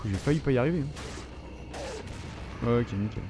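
A man's voice: mid-range voice, moderate pace. A French man commenting on his own gameplay, swearing and reacting as he plays. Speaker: gamer. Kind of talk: let's play commentary. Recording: noisy background.

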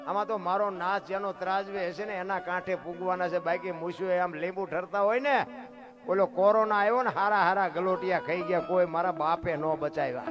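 A man giving a lively, preachy folk storytelling talk at a dayro. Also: high-pitched, brisk, over music. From Surendranagar, Gujarat. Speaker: folk literature speaker.

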